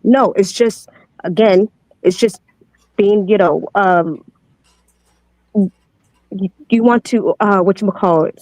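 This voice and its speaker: A woman's voice: medium pitch, slow, pauses often, darkish tone, dry recording, rough recording. A woman on a stream panel, speaking hesitantly and searching for words with many fillers. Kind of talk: casual online debate chat.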